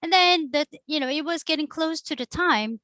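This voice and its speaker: A woman's voice: sits high, normal speed, sharp tone, no room sound. Korean-accented woman telling her story. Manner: earnest storytelling with frequent fillers. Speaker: catering company founder, guest. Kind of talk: panel discussion.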